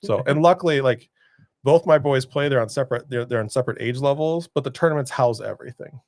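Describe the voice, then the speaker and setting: A man who is a guest on a podcast, talking in an upbeat, energetic way and swearing casually. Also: medium pitch, fast, no echo. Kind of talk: casual chat.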